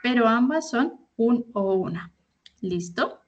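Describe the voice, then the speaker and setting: A woman's voice: fairly high pitch, expressive, slow pace, muffled recording. A woman in her thirties, an English teacher giving an online class, explaining step by step and often checking that her students follow. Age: 30s. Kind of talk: online class instruction in Spanish.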